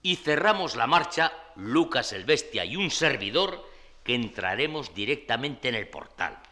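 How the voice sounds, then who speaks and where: An actor with a Spanish accent playing a bossy, exasperated small-time gang leader in a comedy, commanding and irritable. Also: male voice, medium pitch, big pitch swings, a little slow, bright, forceful tone. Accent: Spain.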